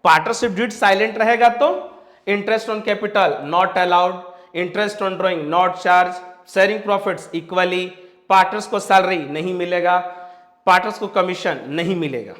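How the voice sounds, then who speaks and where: In an echoey classroom, a high-pitched Indian man with a fairly bright tone lectures slowly on commerce. He keeps dropping English terms into his Hindi. He asks his students questions and goes over every point twice.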